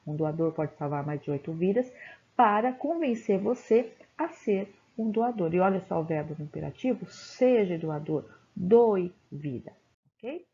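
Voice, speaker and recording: A woman teacher lectures with patient explanations and frequent checks for understanding. Her voice is mellow and gravelly, with a slight fry. The recording sounds dull and lo-fi. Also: medium pitch, animated, moderate pace. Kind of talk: classroom lecture.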